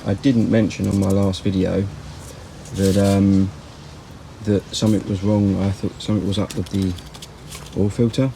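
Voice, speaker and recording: Low gravelly man narrating car repair. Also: flat delivery, normal speed, warm tone, a little hiss or hum, poor audio. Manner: rambling, plain-spoken, self-correcting. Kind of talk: casual workshop commentary. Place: outdoors in a yard.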